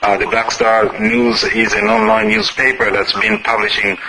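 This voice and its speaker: Bright-voiced male radio host. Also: fairly low pitch, big pitch swings, moderate pace, creaky, a little hiss or hum, low-quality recording. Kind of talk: radio interview.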